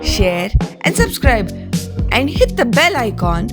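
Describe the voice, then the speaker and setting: A woman reads a recipe voice-over in calm, step-by-step instructions. She speaks slowly, and her pitch moves in a lively, sing-song way. Clear music plays under her voice. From India. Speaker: cooking channel host. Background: clear background music.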